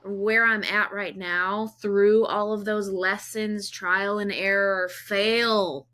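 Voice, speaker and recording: A woman's voice: medium pitch, fairly even intonation, slow, sharp tone, smooth. A woman in her thirties, a singer-songwriter guest, chatting casually in a podcast conversation and often restarting and repeating words. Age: 30s.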